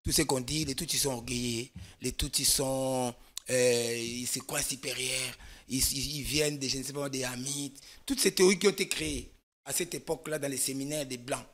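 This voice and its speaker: A man's voice: medium pitch, fairly even intonation, moderate pace, a bit bright. A man from Congo, a guest expert on a political talk show, explaining at length with emphasis and frequent restarts. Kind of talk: studio political discussion.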